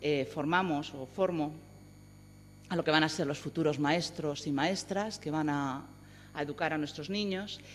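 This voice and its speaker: A woman's voice: low voice, slight background noise. Earnest woman in an echoing hall. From Madrid, Spain. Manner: earnest, measured, mixing academic and personal tone. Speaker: psychology lecturer speaking at a round table. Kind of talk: personal testimony talk. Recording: long reverb of a hall.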